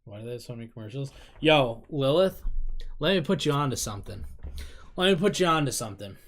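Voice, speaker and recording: A man's voice: medium pitch, lively intonation, fast talker. A man in his thirties chatting casually through a reaction video, rambling and self-deprecating, breaking into laughs. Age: 30s. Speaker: K-pop reaction YouTuber.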